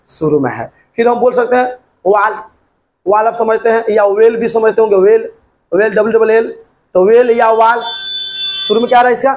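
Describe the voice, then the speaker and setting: A man teaching an English grammar lesson, repeating points and spelling words out letter by letter. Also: high voice.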